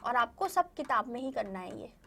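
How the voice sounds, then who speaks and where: A woman teaches a recorded primary school language lesson, patiently explaining things step by step to young children and often checking they're following. Her fairly high voice is animated at normal speed, creaky, pushed and bright, and husky.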